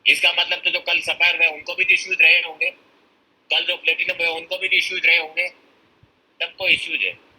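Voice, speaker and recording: A man's voice: on the high side, flat delivery, brisk, bright, forceful tone, breathy edge, rough recording. A man giving a blunt, emphatic motivational talk at a business seminar. He mixes in English phrases and acts out people's excuses as he goes.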